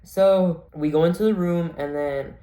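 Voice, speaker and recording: A man's voice: fairly high pitch, fairly even intonation, measured pace, dark tone. A young man telling a story casually, full of "like" and acted-out quotes. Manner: chatty, full of "like", acts out quoted voices. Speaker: vlogger. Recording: echoey room.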